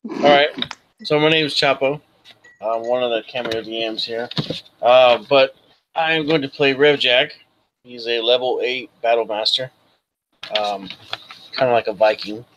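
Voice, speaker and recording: A man's voice: medium pitch, fairly even intonation, measured pace, long pauses, lo-fi sound, noisy background. A man introducing his tabletop character in casual, rambling, jokey chat. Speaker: guest game master and player.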